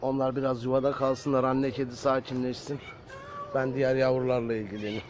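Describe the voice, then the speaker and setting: A man talking casually to viewers in a garden, gently coaxing cats. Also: mid-range voice, little pitch movement, fairly quick, a little hiss or hum. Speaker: vlogger caring for stray kittens. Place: outdoor garden.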